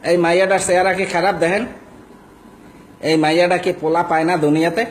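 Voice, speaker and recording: A man's voice: high-pitched, level tone, brisk, a little hiss or hum, low-quality recording. Mocking man with a Barishal accent. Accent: Barishal Bengali. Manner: mocking, coarse and insulting. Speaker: social media vlogger. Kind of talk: ranting monologue.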